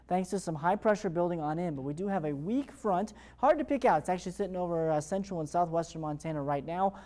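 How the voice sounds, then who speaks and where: A male TV meteorologist with an American accent delivers a morning weather forecast in a chatty, upbeat broadcast style. His voice is fairly high in pitch with a dark tone.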